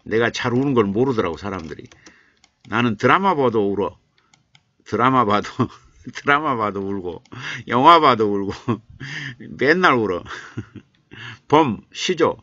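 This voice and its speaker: A man's voice: medium pitch, lively intonation, measured pace, bright, forceful tone, no room sound. An older man, a literature professor, hosting a casual live stream, reading viewers' comments aloud, teasing them playfully and explaining things patiently with much repetition. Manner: explains patiently, repeating himself. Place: home streaming room. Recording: dull lo-fi live-stream audio.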